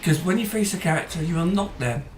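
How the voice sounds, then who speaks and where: A gaming channel host commentates casually over gameplay in a mid-range, slightly mellow voice, fast and animated. He rambles with hesitant fillers and restarts, his voice tiring as he goes. There's a roomy echo and faint music behind him.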